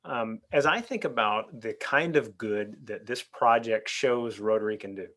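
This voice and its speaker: A man's voice: fairly low pitch, unhurried, a bit bright. A man asking a long, hesitant question at an online club meeting, restarting his words often.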